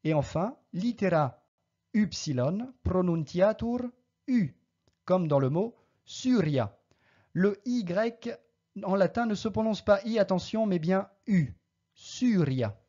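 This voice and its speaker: In a recorded lesson, a Latin teacher slowly models how each Latin word is pronounced before explaining it. The voice is medium-pitched and mellow, and the recording sounds muffled.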